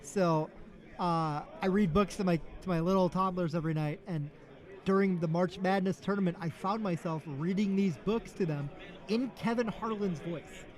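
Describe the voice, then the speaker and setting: A man with a high, light voice chats on a livestream after a few drinks. He rambles loosely and pokes fun at himself between stories. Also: normal speed, darkish tone. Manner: rambling, laughing, self-deprecating. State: tipsy. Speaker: livestream co-host. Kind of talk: casual chat.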